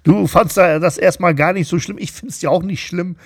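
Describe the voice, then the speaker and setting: A man's voice: sits high, moderate pace, no room sound, studio quality. A middle-aged man co-hosting a casual chat podcast, talking loosely with lots of fillers and tag questions. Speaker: podcast co-host.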